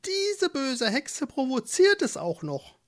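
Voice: sits high, huge pitch swings, slow, pitched above the performer's own voice, full character voice. A narrator voicing a wise old mole who quotes sayings in a storybook. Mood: grave. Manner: proverb-quoting. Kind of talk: storybook reading.

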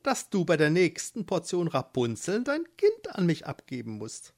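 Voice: mid-range voice, huge pitch swings, moderate pace. A narrator voicing a scheming old witch in a storybook, speaking with false friendliness. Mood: falsely sweet. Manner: sugary, hard underneath. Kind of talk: storybook reading.

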